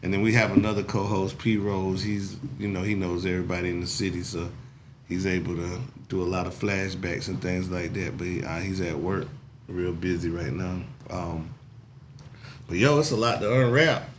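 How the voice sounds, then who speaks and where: A man in his forties hosts a casual talk show as a podcast host, rambling and laid-back, often filling with "you know what I'm saying." His voice is low-pitched with fairly even intonation at normal speed, against a noisy background.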